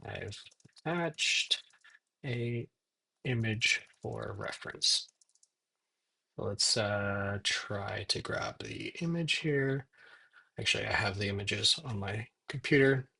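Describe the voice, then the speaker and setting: A man giving a casual software tutorial, thinking aloud as he works at his computer. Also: medium pitch, slightly rough. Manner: thinks aloud while typing, dictating prompts in slow pieces. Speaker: software demo presenter. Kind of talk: casual screen-recorded tutorial narration.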